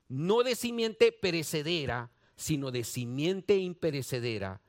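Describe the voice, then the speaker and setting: A man's voice: extremely high pitch, sharp tone. A man with a Guatemalan Spanish accent preaching a sermon, repeating phrases for emphasis and asking his listeners direct questions. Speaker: pastor.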